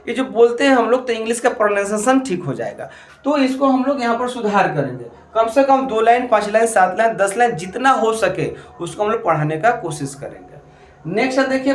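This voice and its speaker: A man's voice: high voice, echoey room. A man teacher giving parents step-by-step advice in a classroom-style talk, often saying "look" and restarting his sentences. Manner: repeats "dekhiye" often, talks in steps with restarts. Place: room with a board.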